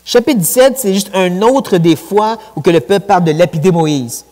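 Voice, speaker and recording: A man with a Quebec French accent preaching a sermon in a church, lively and conversational, with colloquial asides. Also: high-pitched, normal speed. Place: church sanctuary. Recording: long church hall reverb.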